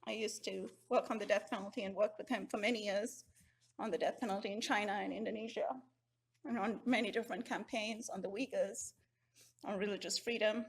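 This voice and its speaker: A middle-aged woman from Sri Lanka, giving an earnest, heartfelt memorial eulogy at a measured pace. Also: mid-range voice, steady tone, creaky, breathy edge.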